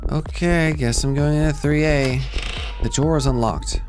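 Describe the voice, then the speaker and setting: A man's voice: on the high side, unhurried. A man commenting on a horror game as he plays, jumpy and joking, talking back to the characters on screen. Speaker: let's play gamer. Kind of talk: playthrough commentary. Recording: game music playing behind. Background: clear game music.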